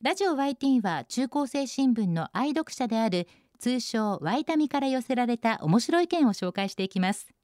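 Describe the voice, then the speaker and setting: This is a woman hosting a radio show, reading listener submissions and reacting with cheerful, chatty comments. Her voice sits fairly high and moves a lot in pitch. The studio sound is dry and close. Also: expressive, moderate pace, hardly any pauses, no room sound. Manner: bright, chatty commentary on each post. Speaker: radio host.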